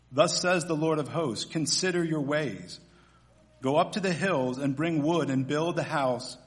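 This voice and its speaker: Earnest preacher at a pulpit microphone. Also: male voice, fairly high pitch. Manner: earnest, measured delivery. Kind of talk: sermon with scripture reading and prayer.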